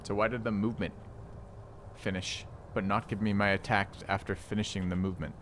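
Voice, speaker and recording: A man's voice: lowish voice, fairly even intonation, fairly quick, fairly bright tone, a little hiss or hum. A man streaming a strategy game, thinking aloud in casual commentary, puzzled and now and then swearing at the game's rules.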